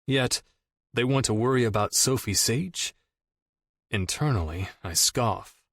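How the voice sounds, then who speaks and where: A man's voice: mid-range voice, a little slow, a bit bright, no room sound. A man narrating a romantic comedy audiobook in a loose, wry first-person voice. His delivery is casual and peppered with swearing. The recording is dry and close, with no room sound.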